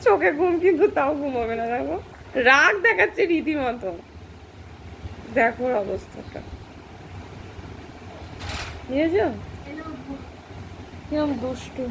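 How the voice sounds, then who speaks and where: A woman's voice: high voice, lively intonation, a little slow, gravelly, pauses often, low-quality recording. A young mother vlogging with her baby, cooing baby talk and chatting to viewers on a phone recording. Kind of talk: casual home vlog narration. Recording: loud traffic noise behind a phone recording.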